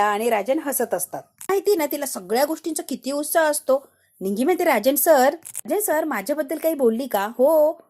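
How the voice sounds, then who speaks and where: Woman retelling a serial in lively storytelling. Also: high-pitched. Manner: voices every character's lines herself in a lively retelling. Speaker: serial recap narrator. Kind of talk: storytelling recap of a TV serial episode.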